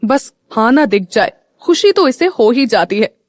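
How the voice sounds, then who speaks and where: A woman's voice: on the high side, sing-song, a little slow, no room sound, studio quality. A woman narrator voicing an exasperated middle-aged mother who teases and scolds her daughter. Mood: exasperated teasing. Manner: exasperated, teasing.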